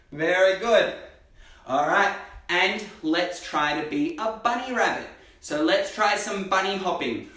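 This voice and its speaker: Male kids' gym coach: high, slow, encouraging delivery, recorded from a distance in an echoey hall. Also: a bit bright. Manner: upbeat, encouraging, cheering children on. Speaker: gymnastics coach. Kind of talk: kids' movement class, live stream. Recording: roomy echo, distant from mic.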